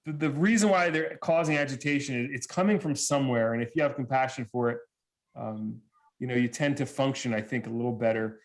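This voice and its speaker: A man's voice: mid-range voice, brisk. A man giving a talk, telling stories with quoted dialogue and frequent laughter. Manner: animated storyteller, acts out quotes, laughs often. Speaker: speaker. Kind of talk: storytelling presentation.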